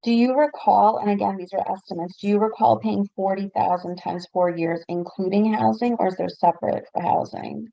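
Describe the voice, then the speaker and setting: A woman's voice: mid-range voice, steady tone, normal speed, creaky, few pauses, no echo, lo-fi sound. A woman hosting a webinar interview over a video call. She asks probing questions and recaps the figures for her audience. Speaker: webinar host.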